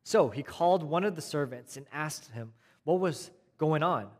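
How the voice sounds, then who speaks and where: A man preaching a sermon in a conversational way, repeating phrases and swinging between raised emphasis and quiet, soft passages. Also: on the high side, lively intonation, normal speed. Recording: long hall reverb.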